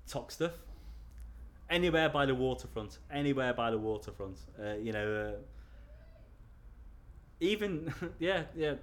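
This middle-aged man, from North Wales but with a Scouse accent, talks in a mid-range voice during a casual interview. He tends to ramble, with plenty of fillers and restarts.

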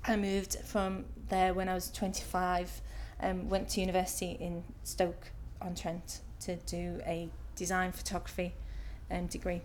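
A woman's voice: lowish voice, completely flat delivery, a little slow, few pauses, a little hiss or hum. A woman in her thirties with a Liverpool accent, answering interview questions casually and hesitantly, with many filler ums. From Liverpool, England.

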